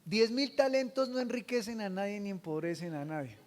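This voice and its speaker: A man preaching a sermon as pastor, asking the congregation questions and swinging from hushed to loud. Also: high voice, lively intonation, fairly quick, in a large hall. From Colombia.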